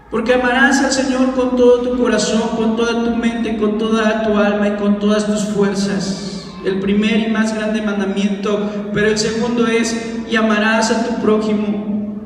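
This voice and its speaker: High-pitched preacher in an echoey hall. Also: male voice. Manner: exhorting, addresses listeners as brother, frequent tag questions. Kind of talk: sermon. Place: church hall. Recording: echoey hall, distant mic, faint noise.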